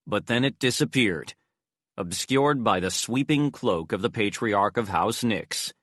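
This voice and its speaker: A man reading an audiobook in a measured, even storytelling voice. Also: on the low side, no echo, studio quality. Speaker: audiobook narrator. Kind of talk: scripted narration.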